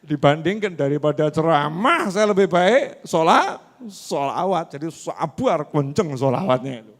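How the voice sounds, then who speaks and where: A man with a Javanese accent delivers a sermon in a mosque. His voice sits a little high and swings widely in pitch. He keeps tossing questions to the congregation and waits for their answers. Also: moderate pace. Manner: lively, asks the congregation questions. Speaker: preacher.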